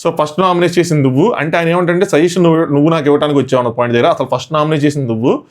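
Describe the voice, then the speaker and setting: A man reviewing a reality show episode who talks extremely fast, barely pausing between points. His voice sits a little high for a man, and he slips English words into a breathless, storytelling recap. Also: steady tone. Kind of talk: rapid episode recap commentary.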